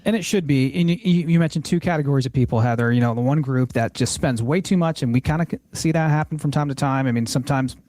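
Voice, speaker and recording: A man's voice: mid-range voice, fast talker, few pauses, a little mellow, no room sound. A man hosting a finance podcast, explaining retirement planning in a casual, earnest way and often restating a point to reframe it. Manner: earnest, explanatory, repeats phrases when reframing. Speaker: financial planner, show host.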